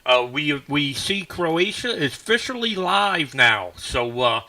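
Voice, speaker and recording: A man's voice: a little high, sing-song, a little slow, bright, forceful tone. A man working as an amateur radio operator, trading call signs and signal reports.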